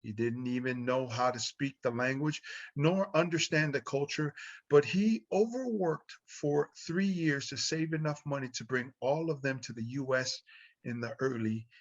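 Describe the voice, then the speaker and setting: A man's voice: mid-range voice, moderate pace, dull audio. A man hosting a talk show, reading his guest's introduction and then interviewing him in an upbeat, emphatic way. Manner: upbeat, emphatic introduction with rising calls to the audience. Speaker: show host.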